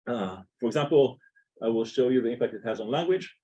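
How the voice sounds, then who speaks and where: A man with an Israeli accent giving an academic seminar talk in a lecture room, pausing often with "uh". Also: mid-range voice, lively intonation, warm tone, slightly rough, dull audio. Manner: halting, many filler "uh"s. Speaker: seminar speaker.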